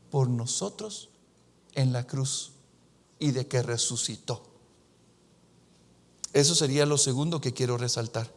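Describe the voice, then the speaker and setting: A man preaching a sermon in a church, slowing his words for emphasis and swinging between loud and soft delivery. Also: mid-range voice. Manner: preaching with dramatic shifts in loudness; slows down for emphasis. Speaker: pastor.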